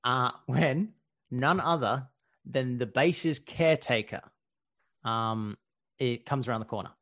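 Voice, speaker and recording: A man co-hosting a podcast, telling a war story in casual chat, animated and laughing often, with casual swearing. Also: medium pitch, takes it slowly. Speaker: podcast co-host telling history stories.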